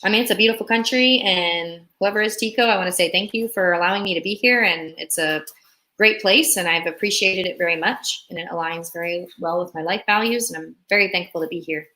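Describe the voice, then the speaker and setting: A woman's voice: on the low side, fairly quick, bright, forceful tone. A young woman, born in Russia, chatting upbeat with viewers on a live stream as a relocation consultant. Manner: upbeat, chatty, reads viewer comments aloud.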